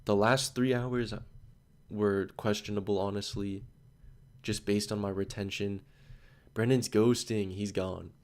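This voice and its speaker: A man's voice: on the low side, steady tone, measured pace, a little mellow. A man in his twenties chatting loosely on a study livestream, full of filler "like"s as he drifts between stories. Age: 20s. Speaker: study streamer. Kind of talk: casual rambling chat on a livestream.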